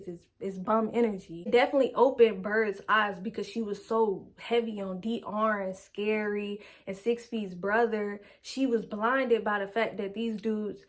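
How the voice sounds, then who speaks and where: A young woman casually telling a personal story, slangy and animated, acting out what people said. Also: mid-range voice. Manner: animated, slangy, acts out quotes.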